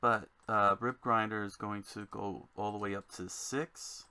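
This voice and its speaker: A man designing a card game, thinking aloud to himself in a slow, musing way as he works. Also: lowish voice, fairly even intonation, pushed and bright, smooth.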